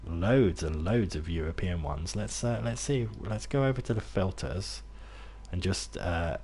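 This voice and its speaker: A low, darkish voice at a measured pace belongs to a young gaming streamer from near Birmingham, with a slight hiss or hum in the background. His accent is a mixed British one rather than Brummie, and he chats casually to viewers, rambling with fillers and restarts.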